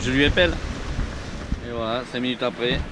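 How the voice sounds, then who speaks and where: A man's voice: mid-range voice, a little fast. A man giving casual, colloquial sailing commentary to camera as skipper, outdoors on a boat at sea. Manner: informal, colloquial, talking to camera. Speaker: sailor narrating his own trip as skipper. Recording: wind buffeting the mic, loud boat noise. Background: wind and boat noise.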